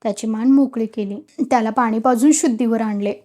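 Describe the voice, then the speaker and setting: A woman storyteller reading a classic short story with expressive, dramatic delivery. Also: a little high, a little fast.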